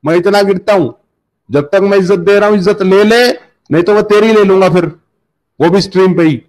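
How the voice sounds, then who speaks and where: A man's voice: high-pitched, a little mellow. A man hosting a heated online debate stream, badgering and insulting his opponent.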